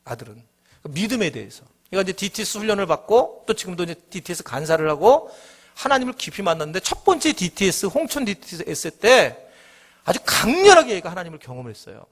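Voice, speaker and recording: Lively, high-voiced middle-aged male pastor. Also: quick pace. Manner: animated, acts out the congregation's worries in their own voices. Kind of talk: midweek church sermon.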